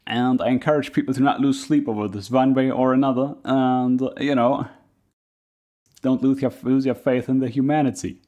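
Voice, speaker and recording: A man's voice: medium pitch, steady tone, moderate pace, dark tone. A man giving casual live reaction commentary as a streamer, rambling in a laid-back, unbothered way.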